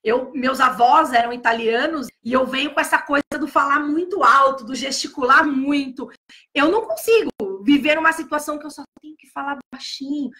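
Loud, emphatic São woman teacher. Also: sits high, a little fast. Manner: emphatic, repeats key words, talks loudly. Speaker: early-childhood educator. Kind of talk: casual advice talk to teachers.

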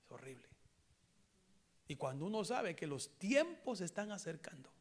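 A man preaching a sermon with a Latin American Spanish accent, swinging from hushed near-whispers to loud impassioned outbursts in a church. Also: sits high, big pitch swings, normal speed, breathy edge. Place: church sanctuary in Chicago.

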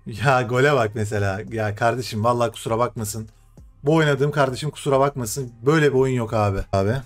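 A young man commentating his own football video game matches, excitable and swearing, shouting at the game and then muttering to himself. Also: mid-range voice, quick pace, faint music behind. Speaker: gaming streamer.

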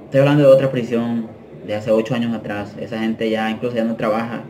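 A man's voice: mid-range voice, little pitch movement, background noise. Slangy man telling a story. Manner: slangy, drops English phrases, halting restarts. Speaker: vlogger telling prison stories. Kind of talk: casual storytelling.

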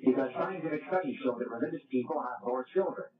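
A man's voice: medium pitch, fast, natural voice. A man voicing a chorus of tropical birds that squawk and mock in unison, caught from a distance on a tinny, echoey recording with a crowd behind. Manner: caustically mocking, squawking.

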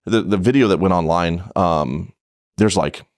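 A police officer tells a story in a casual podcast interview, blunt and profane, restarting his sentences often. He has a low voice and speaks a little slowly. The recording is dry and studio quality.

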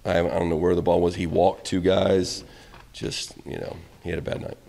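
Speaking at normal speed with a flat, creaky delivery, a middle-aged college baseball head coach gives candid, rambling postgame press conference answers in a deep, low voice. He trails off quietly at the end of each. Reporters hold phones and handheld mics close in a reverberant press room with a backdrop.

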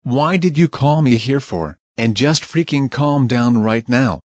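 A man's voice: medium pitch, animated, unhurried, a little mellow, no room sound, dull audio. A man voicing a scared male bear toy who pleads and protests over and over. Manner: pleading, with strings of repeated protests.

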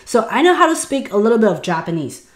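A woman's voice: on the high side, big pitch swings, fast talker, reverberant. A woman in her thirties from Taiwan, speaking with a Mandarin accent, presents a webinar and asks her audience questions directly. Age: 30s. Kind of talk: online business webinar.

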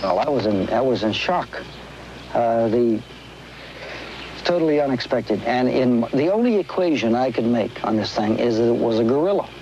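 A man giving a halting eyewitness account. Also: mid-range voice, expressive, dark tone. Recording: dull old film sound, faint noise.

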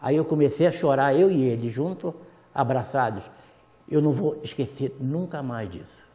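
A man's voice: mid-range voice, lively intonation, moderate pace, warm tone, long reverb tail. A man guesting on a TV talk show, telling an emotional story full of quoted dialogue. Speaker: songwriter guest.

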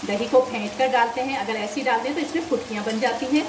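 She has a slightly high voice and talks fast, patiently taking viewers through each step at her home stove and sharing tips for her cooking channel. Frying and sizzling are loud in the background, and the distant mic picks up the kitchen's echo.

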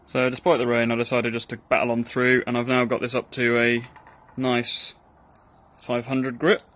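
A man's voice: medium pitch, completely flat delivery, moderate pace, fairly bright tone. Chatty Northern Irish man. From Northern Ireland. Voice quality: chatty, self-deprecating, with frequent ums and uhs. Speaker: hobby blacksmith. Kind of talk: casual workshop build narration.

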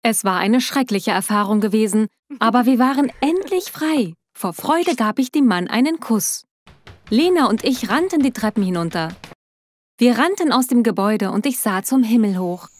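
A woman narrates a scripted first-person story in a steady storytelling manner. Her voice sits fairly high. The recording is dry and close, with no room sound. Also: normal speed, dry recording.

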